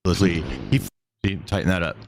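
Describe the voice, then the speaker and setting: A man's voice: low voice, fairly even intonation, a little hiss or hum. A man streaming casually and directing an editor in a blunt, bossy, sweary way, drawing out his S sounds. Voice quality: drawn-out S sounds. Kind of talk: casual live-stream talk.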